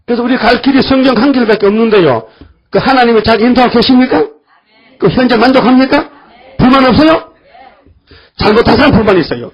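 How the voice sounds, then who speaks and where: In a dull lo-fi church recording, an older man preaching as pastor delivers a folksy sermon, scolding the congregation and voicing biblical figures. He speaks fast with frequent pauses, in an extremely high-pitched, husky voice.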